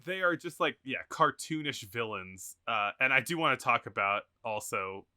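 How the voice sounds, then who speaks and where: A man's voice: medium pitch, lively intonation, moderate pace, bright, forceful tone, clean tone. A man co-hosting a podcast, talking casually about a film in rambling sentences with frequent fillers and laughs. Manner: rambling, many restarts and fillers, laughs often. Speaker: podcast co-host.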